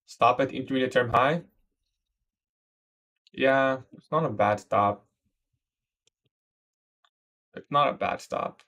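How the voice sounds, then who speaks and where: His mid-range voice is slow and a bit bright, with frequent pauses. A twenty-one-year-old man from Iraq, he hosts a trading livestream, commenting on his trades and replying to chat casually in slang, calling people "bro."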